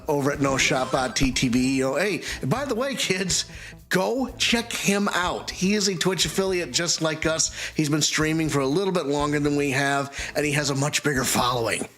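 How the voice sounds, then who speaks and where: A man's voice: on the high side, fairly bright tone. A man hosting a live game stream, chatting and thanking viewers.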